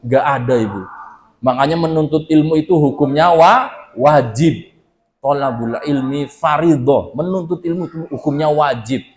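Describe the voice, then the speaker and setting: A man's voice: on the high side, normal speed. A male preacher teaching scripture to a women's study group, asking rhetorical questions and answering them himself, repeating key points. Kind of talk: religious lecture on scripture.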